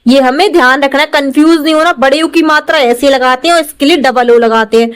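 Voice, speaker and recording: A woman's voice: high voice, a little fast, dry recording. A woman, an English teacher patiently spelling out words syllable by syllable in a lesson. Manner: patient, explanatory, repeats and stretches syllables. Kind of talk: slow step-by-step spelling lesson.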